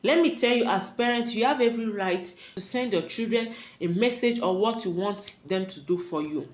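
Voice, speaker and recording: A woman's voice: medium pitch, normal speed. Earnest, preachy woman, roomy sound. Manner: earnest, preachy, poses rhetorical questions and repeats warnings. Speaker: parenting advice speaker. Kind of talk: advice talk to camera. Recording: roomy echo.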